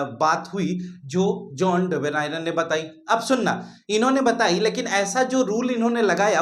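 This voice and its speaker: A man's voice: high-pitched, fairly bright tone. A man teaching a chemistry lesson, who calls his students "beta", asks questions and answers them himself, and repeats his key points. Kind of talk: classroom lecture.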